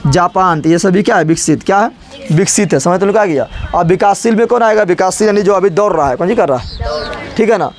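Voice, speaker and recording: A young man teaching a class, repeating each point and constantly firing quick questions back at his students. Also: sits high. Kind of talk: classroom lecture.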